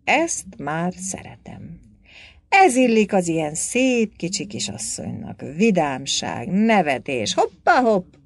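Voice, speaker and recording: A woman's voice: lowish voice, big pitch swings. A woman voicing a sly, fawning little bearded village priest in an audiobook, cooing and crooning. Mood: playful. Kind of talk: audiobook character voice.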